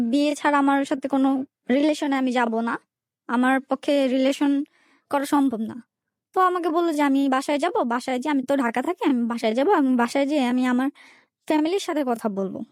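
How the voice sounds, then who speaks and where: A young woman with a Bangladeshi accent, a guest in an interview, tells her life story in a colloquial way, recounting conversations turn by turn. Her voice sits high and her pace is brisk, recorded dry with clean studio sound.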